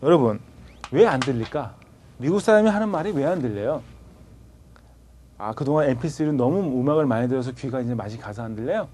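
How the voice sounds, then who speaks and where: A man teaching a TOEIC grammar class, lively and conversational, firing rhetorical questions at his students. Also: medium pitch, fairly quick, long pauses, slight background noise. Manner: animated, rhetorical questions, colloquial asides. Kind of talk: classroom lecture.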